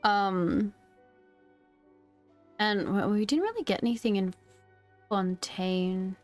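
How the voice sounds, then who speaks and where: A woman streams a video game and chats casually with her viewers while playing. Her mid-range voice moves at a slow pace, with faint music behind her.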